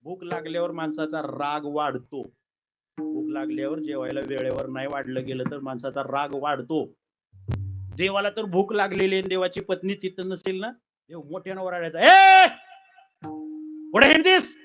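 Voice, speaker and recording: A man performing a kirtan, telling a sacred story in a lively, dramatic way with comic asides. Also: a little high, normal speed, soft background music, low-quality recording.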